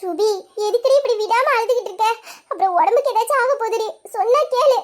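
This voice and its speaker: A woman voicing a caring young woman, very high and quick. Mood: comforting. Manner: soothing, coaxing. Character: caring young woman comforting a crying girl. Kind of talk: audio drama acting.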